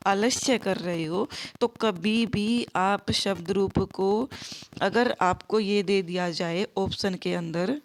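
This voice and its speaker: A woman's voice: medium pitch, slow. A woman teaching a grammar lesson for exam preparation, repeating words and drilling her students in call-and-response, with English words mixed into her talk. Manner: mixes English words into Hindi. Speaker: Sanskrit teacher.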